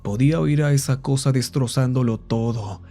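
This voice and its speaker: A man narrating a horror story in a scripted, measured style. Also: medium pitch, mellow. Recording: faint music underneath.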